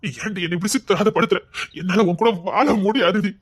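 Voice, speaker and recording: A man with a Tirunelveli Tamil accent playing a gruff, stubborn young man who keeps pushing his lover away. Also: high-pitched, brisk. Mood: anguished. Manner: curt, scolding, begging. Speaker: male lead in a comedy skit.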